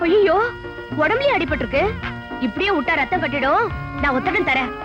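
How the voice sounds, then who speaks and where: A woman's voice: high voice, expressive, a little fast, highs cut off. An actress playing a caring, bossy young woman from a slum who fusses and scolds, in an old film soundtrack with music. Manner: fussing and scolding.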